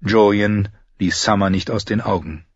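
Husky low-voiced male audiobook narrator. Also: moderate pace, dry recording, dull audio. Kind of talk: scripted fantasy narration.

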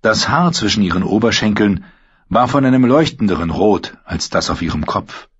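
Husky low-voiced man narrating. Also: animated, normal speed. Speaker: audiobook narrator. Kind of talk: audiobook reading. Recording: dull lo-fi recording.

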